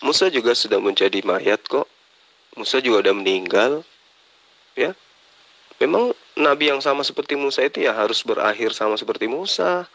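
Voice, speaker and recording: A man's voice: medium pitch, lively intonation, normal speed, creaky, pauses often, fairly bright tone, dull audio. A preacher man in a heated online religious debate, sarcastically pressing his opponent with challenging questions.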